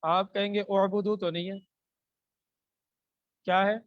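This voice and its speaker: A man with a Pakistani Urdu accent teaches Quranic grammar into a microphone, slowly reciting Arabic verses, explaining them, and answering his own questions to the class. His voice is high-pitched with little pitch movement. The recording is muffled, with no room sound.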